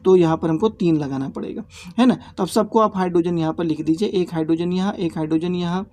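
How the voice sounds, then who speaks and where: A man teaching a lesson in a mellow, darker voice. He goes step by step and repeats each key point. He keeps checking that his students follow with short tag questions. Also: high voice, fast. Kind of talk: classroom lesson.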